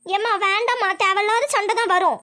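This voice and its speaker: A woman's voice: extremely high pitch, fairly even intonation, a little fast, pushed and bright. A woman voicing a grumbling, nagging old mother-in-law in a cartoon, with a southern Tamil Nadu accent. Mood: placating. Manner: scolding, complaining.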